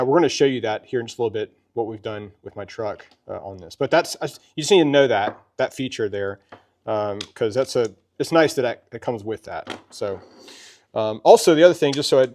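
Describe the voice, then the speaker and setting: With a medium-pitched, slightly mellow voice and a brisk pace, a man chats through a gear review. He keeps it folksy and conversational, demonstrating the product as if showing a friend how it works.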